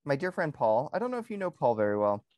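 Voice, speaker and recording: A man's voice: on the high side, big pitch swings, quick pace, darkish tone, dry recording. Hesitant man chatting, dry sound. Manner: hesitant, many ums and restarts. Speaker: podcast co-host. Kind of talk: casual conversation.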